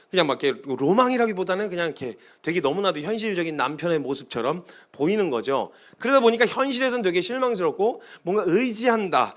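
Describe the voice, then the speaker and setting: A man's voice: high-pitched, a bit bright. A man preaching a sermon as a missionary in a church, in a playful way, acting out the lines he quotes.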